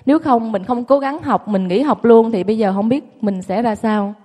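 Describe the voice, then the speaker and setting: A woman tells her own story to an audience, candid and self-mocking. Her voice sits fairly high. The room carries a long, ringing reverb. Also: normal speed, heavy background noise. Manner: candid, self-mocking, laughs while telling. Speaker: guest recounting her childhood.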